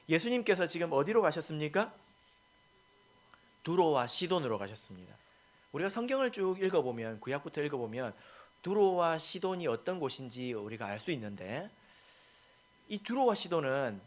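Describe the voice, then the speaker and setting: A male pastor preaching a sermon, stressing points and asking the congregation questions, with many soft filler words between lines. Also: a little high.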